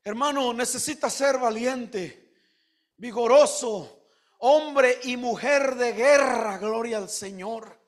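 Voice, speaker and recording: High-voiced pastor preaching slowly. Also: male voice. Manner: preaching with call-and-response, mimicking congregants, rising to shouts. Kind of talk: sermon.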